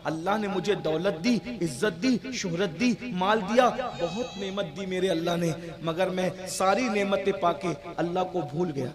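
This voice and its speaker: A man's voice: sits high, few pauses, lightly acted. A man voicing a regretful talking broken cup. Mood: remorseful. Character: broken clay cup speaking as dead king, remorseful.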